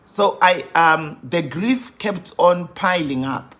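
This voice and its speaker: A woman in her fifties, a grief coach hosting a live stream, welcoming viewers over and over in an unhurried way with many fillers. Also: fairly low pitch, fairly bright tone. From Zimbabwe.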